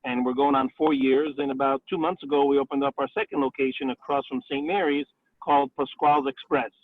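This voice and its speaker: Speaking at medium pitch in a steady, slightly fast voice, a restaurant owner and chef in his forties chats casually through a career interview over a call. Born in Italy and raised in the Bronx, New York, he fills his answers with "um" and "you know," and the line sounds tinny, phone-like, and dry.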